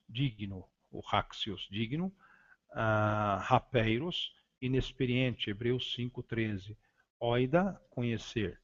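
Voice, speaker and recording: A man teaching a grammar lesson, reading slowly and deliberately from slides with frequent hesitations. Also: medium pitch. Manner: slow, deliberate, spelling out words with frequent hesitations. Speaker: Greek teacher. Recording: dull lo-fi recording.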